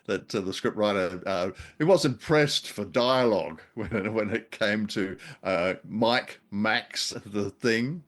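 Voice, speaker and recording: A man's voice: lowish voice, takes it slowly, few pauses, a bit bright. A man co-hosting a podcast, chatting in a wry, chuckling way as he reviews an old radio play. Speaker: podcast co-host. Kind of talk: casual review discussion.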